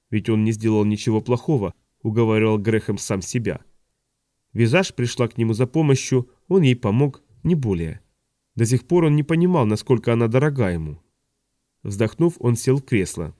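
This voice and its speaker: Calm man reading an audiobook. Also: medium pitch, no echo, clean studio sound. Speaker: audiobook reader. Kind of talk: scripted audiobook narration.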